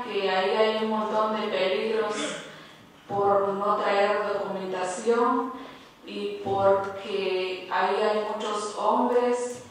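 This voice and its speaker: A woman in her thirties from Guatemala, giving public testimony in a hesitant way with many pauses and fillers. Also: mid-range voice, slight background noise. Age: 30s. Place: large cultural center hall. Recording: echoey hall from far off.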